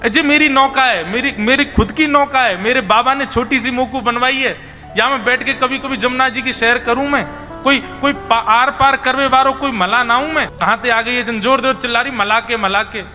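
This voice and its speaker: A man's voice: very high voice, moderate pace, sharp tone, exaggerated voice. A man voicing a proud, playful young boy boatman who teases and sulks, speaking with a Braj accent. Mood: huffy. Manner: teasing, cocky, huffy. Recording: reverberant hall with music behind.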